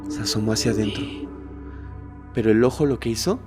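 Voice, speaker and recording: A man hosting a horror podcast, telling a story in a suspenseful way, dropping to a hush and rising again. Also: on the low side, a little fast, over music. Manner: suspenseful, shifts between hushed and raised tones.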